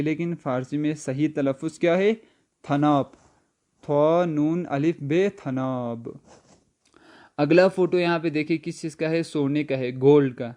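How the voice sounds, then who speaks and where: A man teaching an online language lesson. He asks his students questions, answers them slowly and spells words out letter by letter, with many hesitation sounds along the way. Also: a little high, mellow, smooth.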